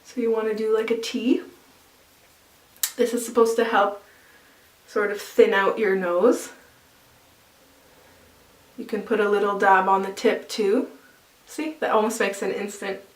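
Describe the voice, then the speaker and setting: A woman's voice: mid-range voice, fairly even intonation, unhurried, pauses often, distant mic. Chatty woman, echoey room, slightly off-mic. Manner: chatty, explains while applying, with fillers. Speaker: makeup vlogger. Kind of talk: casual makeup tutorial.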